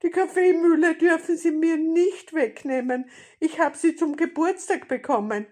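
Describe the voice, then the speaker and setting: A woman voicing an indignant, easily frightened old grandmother in a storybook reading, shrill and protesting. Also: fairly even intonation, normal speed, darkish tone. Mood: pleading. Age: older. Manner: shrill and indignant, then timid.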